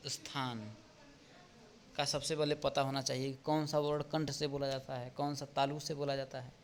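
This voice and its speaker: A male teacher going through an exam paper step by step, often pausing to check with "ठीक?". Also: on the high side, fairly bright tone, slight background noise. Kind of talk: exam paper walkthrough lesson.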